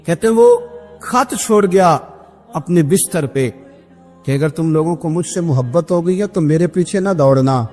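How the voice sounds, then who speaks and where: A man preaching a sermon as an emotional story, with his voice climbing high at dramatic moments. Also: expressive, darkish tone. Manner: dramatic, pitch rising high at emotional peaks, breaks into sung verse. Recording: long hall reverb with faint music.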